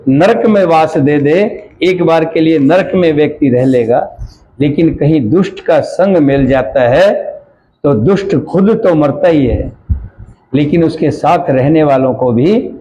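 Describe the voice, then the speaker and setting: Man, devotional sermon, slow measured storytelling, chanted verses, slightly high, mellow tone. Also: lo-fi sound, slight background noise. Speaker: religious storyteller.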